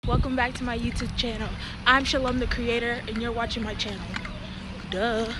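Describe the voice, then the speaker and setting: A woman's voice: on the high side, flat delivery, moderate pace, loud music behind the voice. A teenage girl vlogging casually as she walks home from school outdoors. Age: teens, fifteen. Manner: casual, talking while walking home. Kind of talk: walking vlog intro. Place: outdoors on a street. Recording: street noise behind the voice.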